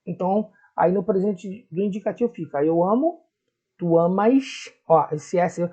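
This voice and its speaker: A man's voice: high voice, moderate pace, warm tone. A man with a Rio de Janeiro accent teaching Portuguese grammar in a video lesson, patiently repeating the verb forms and checking in with the viewer. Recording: husky voice, dull lo-fi sound.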